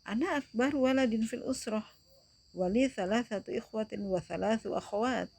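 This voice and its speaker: A woman teacher voicing a schoolboy asking a classmate about his family, reading a textbook dialogue aloud in clear, lively intonation. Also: fairly high pitch, normal speed, voice pushed up. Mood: inquisitive.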